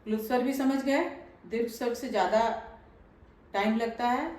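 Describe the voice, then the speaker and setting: A woman teaching a grammar lesson to children, patient and repeating phrases slowly, often checking whether they understood. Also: on the high side, a little mellow, heavy reverb, distant mic, poor audio. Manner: asks pupils if they understood.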